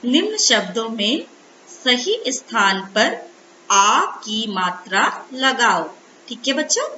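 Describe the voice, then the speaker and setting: A woman teacher explaining a primary school Hindi lesson to children, slowly sounding out letters in a sing-song way. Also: on the high side, bright, forceful tone. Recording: echoey room, dull lo-fi sound, faint hiss.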